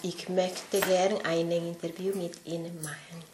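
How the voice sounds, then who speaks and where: Slow, hesitant woman from Costa Rica. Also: lowish voice, flat delivery. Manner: hesitant, careful, many fillers. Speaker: interviewer, language learner. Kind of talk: interview questions. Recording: echoey room with faint noise.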